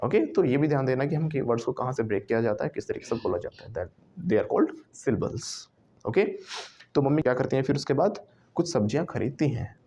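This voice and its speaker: A man's voice: medium pitch, animated, brisk, dark tone. A man teaching an English lesson to a class in Hindi mixed with English. He asks questions and has the students repeat words after him. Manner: drills the class with questions and repetition.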